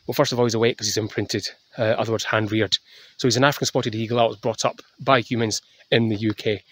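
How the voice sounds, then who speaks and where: A man's voice: fairly low pitch, steady tone, fast talker, no room sound. A man, out of breath, filming a rambling off-the-cuff vlog on his phone while walking outdoors. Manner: rambling, many filler "uh"s. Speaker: falconer, channel host. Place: outdoors on a hill walk. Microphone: phone camera.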